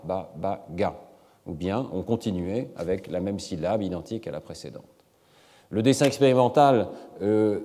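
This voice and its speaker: Middle-aged male lecturer, measured and hesitant, deep mellow voice. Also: big-room sound. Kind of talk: academic lecture. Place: large lecture hall.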